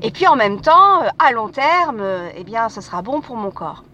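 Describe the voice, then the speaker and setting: A woman's voice: a little high, very animated, moderate pace, sharp tone. A woman hosting her own podcast, talking in a hesitant, casual monologue full of fillers and restarts. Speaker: podcast host. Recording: street noise with passing vehicles.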